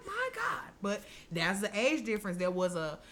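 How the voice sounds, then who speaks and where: A woman's voice: mid-range voice, normal speed. A woman co-hosting a podcast, chatting casually, joking and laughing often. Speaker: podcast co-host. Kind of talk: casual chat.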